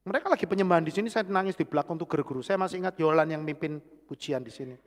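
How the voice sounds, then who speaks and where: A middle-aged man with a Javanese accent preaching a sermon with personal testimony, animated, swinging from loud exclamations to hushed asides. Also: fairly high pitch, rapid-fire. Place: church hall. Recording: long church hall reverb.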